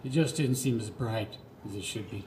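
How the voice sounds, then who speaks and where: This storyteller, a middle-aged man, pitches his voice fairly low and keeps a normal speed with a darkish tone. He is performing a scripted autobiographical piece live, phrase by phrase, in an earnest, theatrical way. It was captured on a radio theatre stage with a roomy sound and clear background noise.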